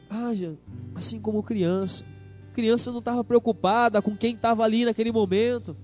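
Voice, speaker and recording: A young Brazilian pastor preaching a sermon in church, swinging from hushed tender lines to loud emphatic ones and acting out quoted voices. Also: male voice, very high-pitched. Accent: Brazilian Portuguese. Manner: acts out quoted voices of children and God. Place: church service.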